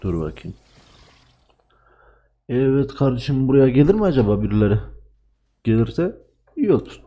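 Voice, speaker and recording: A man commentating live on his own gameplay, excitable, swearing at and trash-talking his teammates. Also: mid-range voice, moderate pace. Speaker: gaming channel host.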